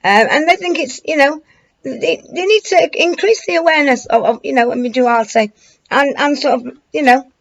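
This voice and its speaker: A woman's voice: high-pitched, fairly quick, vocal fry, dull audio. Rambling British woman giving commentary. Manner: rambling, hesitant, colloquial. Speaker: online commentator. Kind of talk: informal news commentary to camera.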